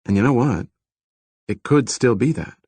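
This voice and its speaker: A man's voice: mid-range voice, expressive, normal speed, a little mellow, breathy edge, no echo. A man reading the lines of a serious, somewhat grim young woman police detective in an audiobook. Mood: earnest.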